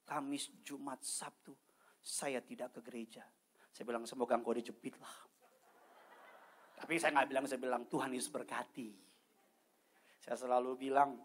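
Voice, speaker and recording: A middle-aged male pastor preaching a lively, joking sermon, acting out dialogue in loud high bursts. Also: slightly rough.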